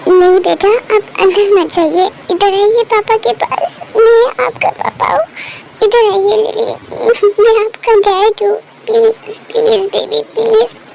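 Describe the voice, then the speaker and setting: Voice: very high voice, fairly even intonation, takes it slowly, creaky, background noise, exaggerated voice. A performer in an amateur fan dub voices a heartbroken young father who pleads tearfully for his daughter. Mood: begging. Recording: loud background music.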